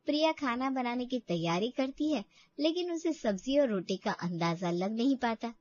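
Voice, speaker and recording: A woman narrating a cartoon storybook in a plain, even manner. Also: fairly high pitch, moderate pace, muffled recording.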